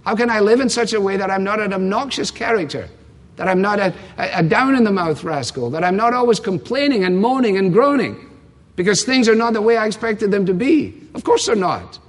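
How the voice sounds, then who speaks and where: A man's voice: high voice, animated, a little fast. A man preaching an expository sermon, emphatic, repeating key lines and asking rhetorical questions. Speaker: pastor. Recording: long reverb from a large hall.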